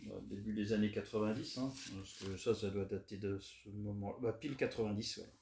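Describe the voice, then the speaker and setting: A man chatting casually as he shows off his record finds, relaxed and hesitant with many fillers. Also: on the low side, a little fast. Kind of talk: casual unboxing chat. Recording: roomy echo, faint noise.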